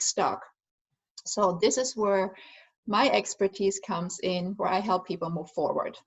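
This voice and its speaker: A medium-pitched woman's voice, with the highs cut off, belongs to a German energy healer and aromatherapist appearing as an interview guest. She earnestly explains her healing work in conversational answers full of fillers.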